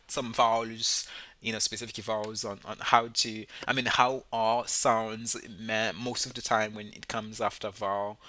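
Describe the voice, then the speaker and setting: A man who is a non-native English speaker, hosting a casual, unscripted recommendation in a halting, rambling way. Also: fairly low pitch, pushed and bright, no echo. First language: not English. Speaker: YouTube host and English learner.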